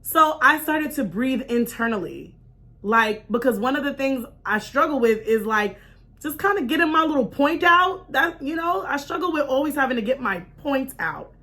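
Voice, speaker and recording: A woman with a high, bright voice hosts her own talk show, telling personal stories to an online audience in an animated, informal, chatty way at normal speed. She acts out dialogue expressively and punctuates her points with check-in questions like "right?"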